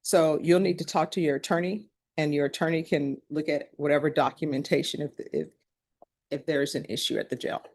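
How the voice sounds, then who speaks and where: Woman judge, lowish voice, brisk formal legal recitation, courtroom. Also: steady tone, a little mellow. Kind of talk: courtroom proceedings.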